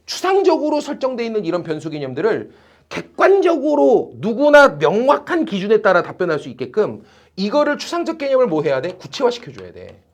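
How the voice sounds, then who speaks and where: A man teaching a class at a tutoring academy, animated and teasing, with blunt slang. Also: high voice, a little fast. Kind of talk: classroom lecture.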